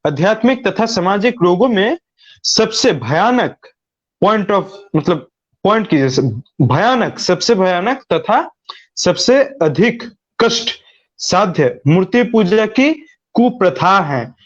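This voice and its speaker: A man speaking as a guest over a video call with a bad connection that keeps breaking up. He talks haltingly, with many fillers and repeats. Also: high voice, expressive. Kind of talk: explaining religious views in a call-in discussion. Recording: dull lo-fi call audio breaking up.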